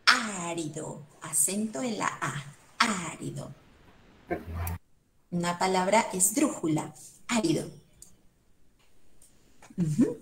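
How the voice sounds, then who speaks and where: Slow, patient woman in an echoey room. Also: mid-range voice, lively intonation, darkish tone. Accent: Peruvian Spanish. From Peru. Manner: slow, patient, thinks aloud step by step. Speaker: museum educator. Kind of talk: online class, guiding a word search.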